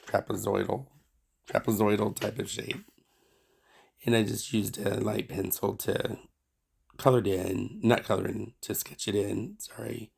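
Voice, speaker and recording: Casting: man, stuffed-up nose from a head cold, lowish creaky voice, casual and hesitant tutorial narrator. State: sick with a cold or sinus infection, stuffy nose. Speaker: art tutorial host. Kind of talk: casual unscripted craft narration.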